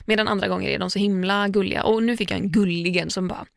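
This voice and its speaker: A woman's voice: mid-range voice, steady tone, vocal fry, no room sound, studio quality. A woman telling a personal story in casual chat, laughing often, swearing casually and acting out what others said.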